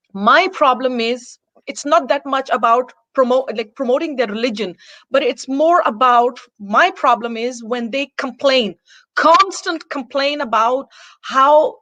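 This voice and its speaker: A woman's voice: sits high, a bit bright, no echo. A woman from Denmark, a guest in an interview, speaking earnestly and repeating words to press her points in conversation.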